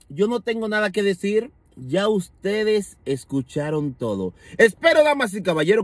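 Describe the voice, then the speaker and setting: A man's voice: high-pitched, fairly bright tone, no echo. A man giving a theatrical, mock-announcer sign-off for a gossip series. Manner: theatrical, exaggerated announcer delivery. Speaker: show host.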